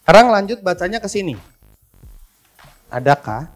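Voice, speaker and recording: A man's voice: sits high, big pitch swings, moderate pace, faint music behind. A man, teaching a live persuasion seminar, quizzing and joking with the room. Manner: coaching, quizzing the audience, joking. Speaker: persuasion trainer.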